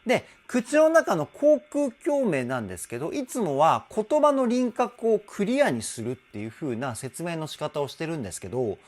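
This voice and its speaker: A man's voice: fairly high pitch, wildly swooping pitch, moderate pace, hardly any pauses. A male vocal trainer giving an enthusiastic, explanatory song analysis and now and then singing short phrases to demonstrate.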